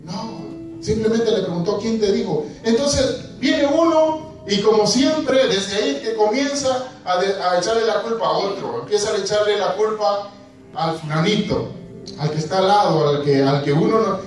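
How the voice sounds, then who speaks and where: Male preacher, high voice, distant mic in a very echoey church, soft music beneath. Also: expressive, moderate pace. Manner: asks the congregation questions, dramatizes scripture. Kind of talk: sermon. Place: church hall. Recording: echoey church hall from far off.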